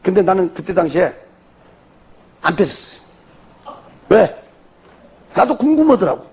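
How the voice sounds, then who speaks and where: Older man, Jeolla accent, church testimony, lively swooping pitch, raspy gravel. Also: unhurried. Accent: Jeolla Korean. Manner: animated storyteller asking rhetorical questions. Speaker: church elder giving testimony. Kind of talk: spoken testimony before a congregation.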